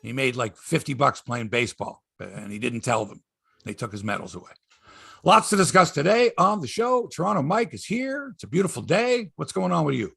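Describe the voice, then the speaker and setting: A man's voice: medium pitch, big pitch swings, a little fast, vocal fry, fairly bright tone, slightly rough. A man hosting a sports talk show, ranting emphatically with exasperated repeats, rhetorical questions and salty language. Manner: salty, profane. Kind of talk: opinionated sports talk rant.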